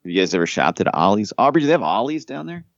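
A man with a very low voice rants through a story in casual podcast chat, swearing freely and getting animated. The recording is dry, with a dull, slightly muffled tone. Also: racing, dry recording.

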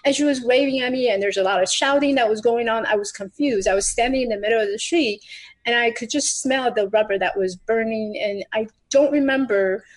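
A woman's voice: on the high side, a little fast, rough recording. A middle-aged woman from Taiwan, a podcast guest, recounting her personal story earnestly, with frequent restarts.

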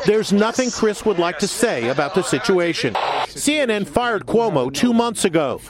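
An American man narrating a scripted tabloid TV news report with the dramatic delivery of a tabloid host. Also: high-pitched. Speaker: TV news correspondent. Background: background music.

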